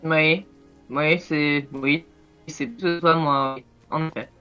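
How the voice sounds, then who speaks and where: A player voicing a very tall, strong, boisterous woman adventurer who teases loudly in a tabletop role-play. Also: medium pitch, fairly even intonation, slow, dull audio, faint music behind. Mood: bashful. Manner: loud hearty teasing, laughs often.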